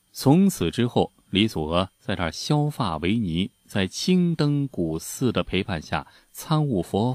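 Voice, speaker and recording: Deep, lively male history storyteller. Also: no echo. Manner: folksy, chatty, lots of filler particles. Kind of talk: casual spoken history storytelling.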